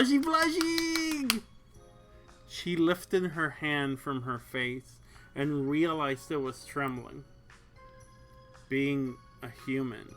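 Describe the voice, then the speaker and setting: Slow, bright-voiced streamer cracking crude jokes. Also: medium pitch. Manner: crude and swearing, laughs often; reads narration aloud, breaks off to joke. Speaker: Twitch streamer reading a visual novel aloud. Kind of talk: casual live-stream reading and chat.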